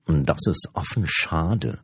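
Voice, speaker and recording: A man voicing an eager, fussy, self-deprecating gentleman in an audiobook. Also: very deep voice, animated, takes it slowly, husky, no room sound, studio quality, full character voice.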